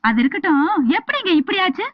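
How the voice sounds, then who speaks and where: A woman's voice: very high-pitched, very animated, quick pace, lo-fi sound, background noise. An actress playing a cheeky, teasing young village woman in a film comedy, speaking an in a mocking, playful way. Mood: concerned.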